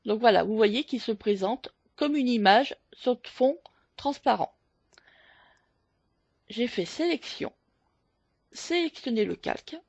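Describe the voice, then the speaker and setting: A woman hosting a photo editing tutorial, explaining each step slowly with hesitant fillers. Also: on the high side, gravelly, darkish tone, breathy edge, no echo, highs cut off. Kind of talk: screen-recorded software tutorial.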